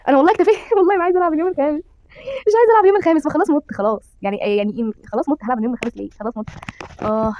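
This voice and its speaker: A woman's voice: on the high side, a little mellow, a little hiss or hum. A woman with an Egyptian accent narrating a horror game for her viewers, dramatic and full of exclamations. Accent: Egyptian Arabic. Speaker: gaming streamer.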